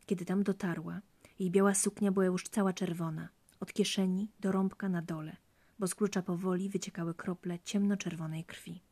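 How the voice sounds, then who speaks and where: A woman reading a fairy tale aloud in a hushed, intimate way. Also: fairly low pitch, fairly even intonation, normal speed. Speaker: storyteller.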